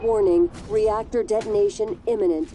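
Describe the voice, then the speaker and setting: A woman voicing a calm female ship computer that gives even, detached, repeating station alerts in a game. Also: mid-range voice, normal speed, music in the background. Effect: synthetic station announcement voice. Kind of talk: recorded game announcements.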